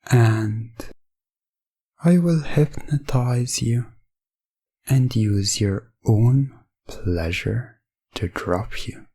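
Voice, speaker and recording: In an ASMR hypnosis roleplay, a male performer fully voices a calm, businesslike professional dominant. His medium-pitched voice is soft and breathy, and his delivery is measured, formal, and detached, in a dry recording.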